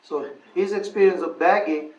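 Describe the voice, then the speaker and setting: Guy teaching a seminar, keeps restarting phrases and chuckling, kinda high voice, echoey far-off hall sound. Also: normal speed. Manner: thoughtful, repeats and restarts phrases, laughs at own stories. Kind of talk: lecture answering questions. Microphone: far room mic.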